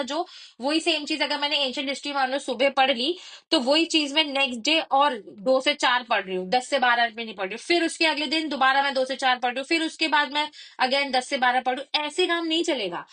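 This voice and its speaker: A woman's voice: high voice, bright, forceful tone. A woman explaining an exam study routine, mixing Hindi and English and often checking in with her listeners. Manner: conversational Hindi-English mix with frequent check-ins. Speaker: exam prep educator.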